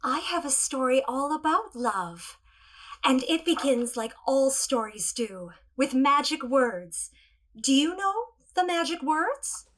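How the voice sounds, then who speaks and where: A woman playing a gentle, sincere princess who tells children a story in a soft, slow, soothing way, sometimes dropping to a whisper. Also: high-pitched, sing-song, exaggerated voice, rough recording. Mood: friendly.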